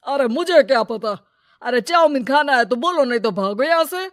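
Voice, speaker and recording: Woman voicing a greedy village moneylender man, high-pitched. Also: expressive, normal speed, no room sound, clean studio sound. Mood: irritated. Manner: brusque, bossy. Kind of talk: Hindi moral story cartoon voice acting.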